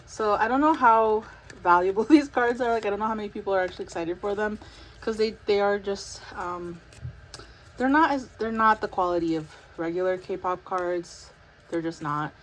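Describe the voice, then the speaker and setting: A woman's voice: medium pitch, moderate pace, low-quality recording. Breathless chatty young woman vlogging. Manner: chatty, excited, many fillers and laughs. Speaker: vlogger unboxing an album. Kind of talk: casual chat.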